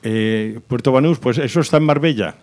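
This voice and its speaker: A man's voice: medium pitch, normal speed, darkish tone. A man hosting a casual radio chat in a studio, joking and rambling with frequent laughs. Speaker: radio host.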